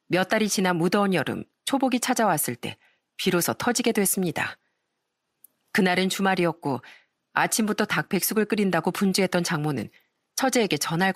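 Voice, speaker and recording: A woman narrates a family story in a level, unhurried voice. The sound is close and dry, with no room around it. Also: on the low side, no room sound. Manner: even, measured first-person storytelling.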